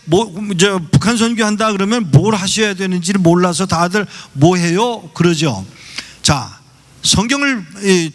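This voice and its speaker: A male pastor preaching a sermon, telling a story and acting out the dialogue in quoted voices. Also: high-pitched. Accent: Seoul Korean. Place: church sanctuary.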